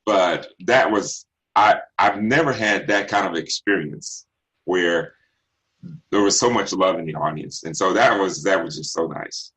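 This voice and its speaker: As a guest, a middle-aged man from Texas who sings answers interview questions in a bass baritone, slowly and reflectively, with many ums and restarts. His tone is fairly bright, and the audio is poor.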